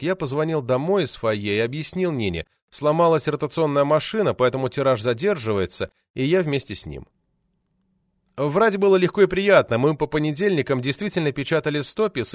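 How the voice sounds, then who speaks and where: A man narrating an audiobook in an ironic, lively storytelling manner. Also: mid-range voice, no room sound, clean studio sound.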